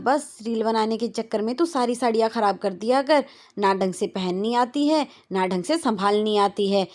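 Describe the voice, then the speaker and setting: A woman voicing a middle-aged mother who scolds in a brisk, nagging way. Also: medium pitch, a little mellow, natural voice.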